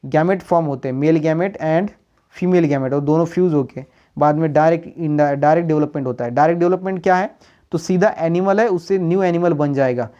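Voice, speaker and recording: Guy teaching bio, quizzes himself over and over, warm low-key voice, kinda muffled recording. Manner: repeats questions and answers them himself, mixing Hindi with English terms; reads English notes slowly, then explains quickly. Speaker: biology teacher. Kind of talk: classroom lecture. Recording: dull lo-fi recording.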